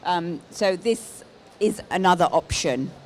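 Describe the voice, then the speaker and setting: Speaking slowly and expressively in a fairly low voice, a middle-aged lead clinician gives a live talk into a handheld microphone. She's at an exhibition stand in a large, bustling indoor hall, with clear background noise.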